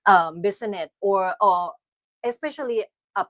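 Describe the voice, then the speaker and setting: A middle-aged Thai woman, an aesthetician appearing as a guest in a casual interview, speaks hesitantly with a Thai accent, many fillers and non-native grammar. Her voice is medium-pitched, unhurried and fairly bright, with no room sound.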